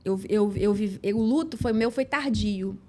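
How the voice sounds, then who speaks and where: A woman's voice: mid-range voice, moderate pace, dark tone. A woman, a podcast guest telling a personal story earnestly and acting out the dialogue. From São Gonçalo, Rio de Janeiro state, Brazil. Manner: acts out dialogue, earnest and emotional.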